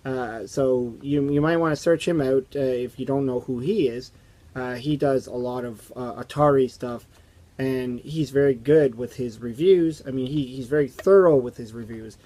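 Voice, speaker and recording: Hoarse, raspy man chatting casually. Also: medium pitch, normal speed, warm tone. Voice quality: raspy, strained voice. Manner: rambling, conversational storytelling. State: hoarse from strained vocal cords. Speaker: host of a retro video game channel. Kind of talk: casual chat to camera. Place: indoors, small basement game room.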